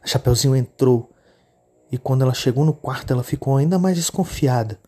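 A woman narrating a children's fairy tale for a podcast in an expressive storytelling manner. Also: a bass voice, a little fast, husky.

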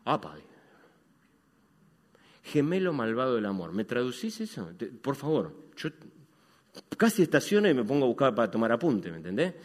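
Rioplatense male pastor, lively preaching, reverberant church hall. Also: mid-range voice, a little fast. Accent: Rioplatense Spanish. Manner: animated preaching, swings between loud and hushed. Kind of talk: sermon.

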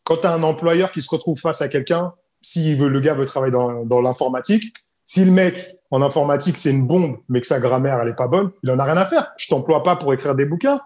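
French man, English teacher, explains with examples, slightly high voice, roomy sound. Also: animated, fairly quick, a little mellow. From France. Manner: explains with examples, repeats key points. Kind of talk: casual podcast conversation.

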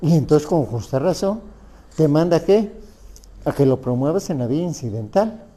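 A man's voice: on the high side, expressive, normal speed, mellow. A man with a Mexican Spanish accent giving a lecture on family law, asking the audience rhetorical questions.

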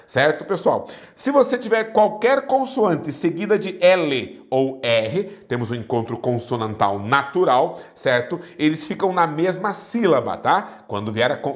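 A man teaching a grammar lesson with a lively, animated delivery, his pitch sitting a bit high and swinging widely. He explains step by step and keeps checking in with his students. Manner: lively, checks in often with the class. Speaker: Portuguese teacher.

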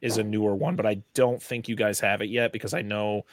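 A man's voice: on the low side, fairly even intonation, a little fast, no echo, studio quality. A man on a podcast as a guest, chatting eagerly about horror films and restarting his sentences often. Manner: enthusiastic, rambling with restarts. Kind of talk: casual film discussion.

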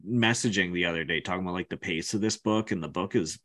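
A man's voice: sits low, fast, fairly bright tone. A man co-hosting a podcast, talking casually and a little hesitantly as he explains his thoughts on a book. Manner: thoughtful, hedging, explains things. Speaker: podcast co-host.

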